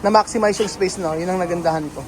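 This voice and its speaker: A man's voice: high voice, steady tone, fast talker, a crowd in the background, low-quality recording. Filipino man, casual vlogger, rambling and filler-heavy, people chattering behind. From Philippines. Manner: chatty, thinks aloud with many fillers and restarts. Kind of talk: casual vlog commentary to viewers. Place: house under renovation.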